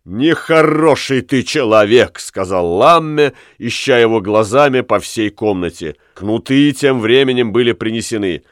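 A man reading a story aloud as narrator, with lively, expressive delivery. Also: fairly low pitch, moderate pace, hardly any pauses, clear, resonant tone, dry recording. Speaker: audiobook reader. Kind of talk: scripted narration. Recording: dry studio reading with faint music.

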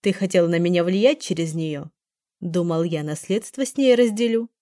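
A woman's voice: on the low side, moderate pace, mellow, no echo, studio quality, natural voice. A woman voicing a cold, mocking, middle-aged mother who sneers at her daughter in an audiobook. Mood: sneering. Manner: sneering, sarcastic.

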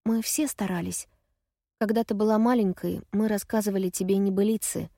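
Audiobook, a woman voicing a young older sister, soft wavering voice, tearful and guarded, dry close sound. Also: medium pitch, steady tone, fairly quick, no room sound, natural voice. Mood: confessing.

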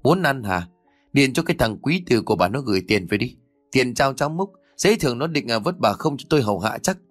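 A man narrating a story and voicing a cruel middle-aged daughter-in-law who scolds and shouts venomously. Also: medium pitch, animated, brisk, dry recording, soft background music, lightly acted. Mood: venomous scolding.

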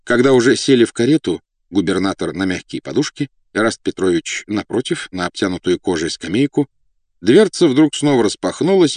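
A man narrating a historical novel as an audiobook in a measured, expressive reading. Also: lowish voice, no room sound. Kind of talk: scripted narration.

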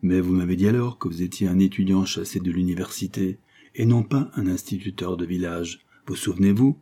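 A man's voice: low voice, a little fast, warm tone. A man voicing an indignant lawyer who scolds a beggar sharply. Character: indignant male lawyer, stern, moralizing.

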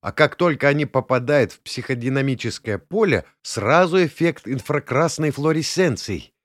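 A man voicing a lively, curious young woman in an audiobook, speaking in breathless, excited exclamations. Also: medium pitch, moderate pace, no room sound, pitched above the performer's own voice, natural voice. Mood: explaining. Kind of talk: audiobook character voice.

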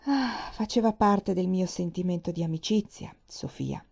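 A woman's voice: fairly low pitch, normal speed, gravelly, a little mellow, breathy edge. A woman reading the part of a young male naval captain, dry and dismissive. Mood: wry.

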